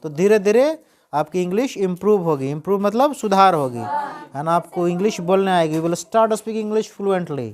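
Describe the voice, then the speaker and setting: A woman teaching spoken English to children with an Indian accent, slowly repeating each English phrase after explaining it in Hindi. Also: on the low side, expressive. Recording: loud crowd and noise behind.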